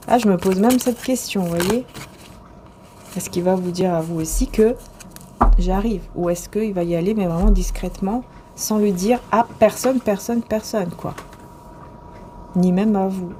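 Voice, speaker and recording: A woman's voice: mid-range voice, a little slow, long pauses, dark tone, slight background noise. A woman reading tarot cards to the viewer in a casual, rambling way, with many hesitations and restarts. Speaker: tarot and oracle card reader.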